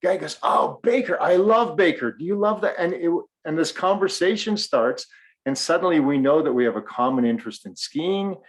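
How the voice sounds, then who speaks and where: With a fairly high pitch and moderate pace, a middle-aged Western Canadian man with a faint accent chats on a podcast he co-hosts. He tells his stories animatedly, acting out what people said.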